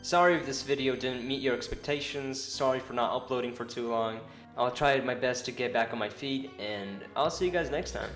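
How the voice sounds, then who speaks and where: A man with a medium-pitched voice talks a little fast as a video narrator, offering casual, informal opinions with the occasional sweary, playful aside. Background music plays beneath his voice.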